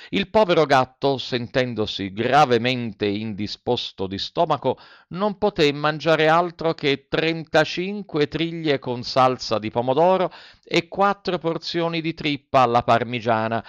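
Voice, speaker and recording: A male narrator reads a classic children's story aloud with lively, theatrical timing. His voice sits at a middle pitch. The recording is close and dry. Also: clean tone, no room sound, dull audio. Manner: expressive, theatrical reading. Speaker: audiobook narrator.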